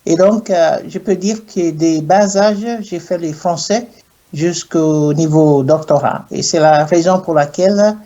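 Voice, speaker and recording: A middle-aged man from Ghana, an English speaker, answering interview questions in a slow, hesitant way with many pauses and fillers. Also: a little high, warm tone, dull audio. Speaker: guest, clergyman and university French teacher.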